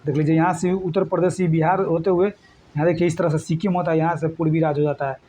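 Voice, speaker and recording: A man's voice: fairly high pitch, fairly even intonation, fast talker, warm tone, a little hiss or hum. A man teaching an exam current affairs lesson, repeating memory tricks and coaxing his students along. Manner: repetitive, coaxing, addresses students as friends.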